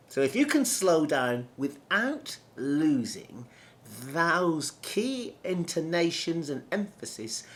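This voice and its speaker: A middle-aged man teaching presentation skills, deliberately slowing down, stretching and repeating key words to show how it's done. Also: fairly high pitch. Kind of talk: instructional talk to camera.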